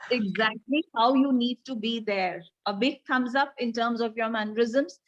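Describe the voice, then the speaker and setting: A woman's voice: drawn-out words, highs cut off. A woman with an Indian accent coaching pageant finalists over a video call, projecting her voice energetically and mixing English and Hindi as she directs them. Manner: energetic, projected voice pitched above her normal talk; mixes English and Hindi, coaxing and directing the class. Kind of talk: live online coaching session.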